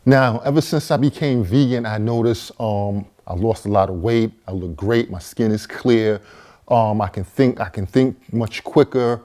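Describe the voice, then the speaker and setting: Speaking to the camera in a relaxed, conversational testimony, a man in his forties who works as a vegan chef and co-author recounts his own experiences, full of fillers and repetitions. He has a somewhat low, darkish voice and keeps a moderate pace.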